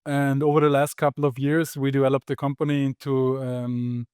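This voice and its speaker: Flat-voiced mellow man. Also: mid-range voice, clean tone, no echo, studio quality. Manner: measured, hesitant with ums. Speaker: guest, startup founder. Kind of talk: casual podcast conversation.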